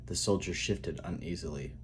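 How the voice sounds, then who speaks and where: A man with a low-pitched voice reads fantasy fiction aloud. His delivery is quiet, soft and calm, like an author sharing a chapter. A light noise sits behind the voice. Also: moderate pace. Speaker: writer reading own novel aloud.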